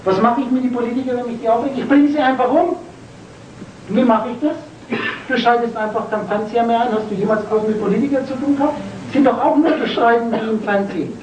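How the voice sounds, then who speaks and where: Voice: medium pitch, steady tone, quick pace, a little mellow, muffled recording. Preachy esoteric lecturer talking to a room, sounds far off, faint hum behind. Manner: preachy, full of rhetorical questions, spells out words letter by letter. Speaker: spiritual lecturer. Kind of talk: esoteric lecture to a live audience. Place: room with a seated audience. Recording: roomy, distant from the mic, faint ambience.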